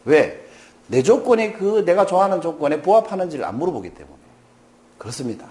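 Animated male lecturer quizzing an audience. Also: a little high, brisk. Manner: playful, jokes and quizzes the audience. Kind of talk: lively lecture with audience questions.

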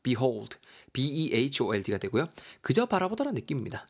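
A man's voice: mid-range voice, sing-song, normal speed, vocal fry. A man teaching English vocabulary in a casual, chatty way, spelling words out letter by letter and reading example sentences aloud.

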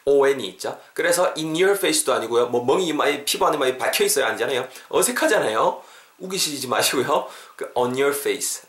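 A man's voice: medium pitch, fairly bright tone, echoey room. A Korean man teaching an English expression on a podcast, drilling phrases for listeners to repeat.

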